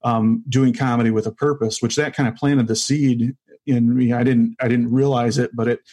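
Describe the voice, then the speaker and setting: A man in his forties, a guest comedian, talks through his story in a loose, halting way, packed with fillers and restarts. His voice sits at an ordinary middle pitch, and he laughs easily. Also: level tone, dark tone. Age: 40s. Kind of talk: casual interview chat.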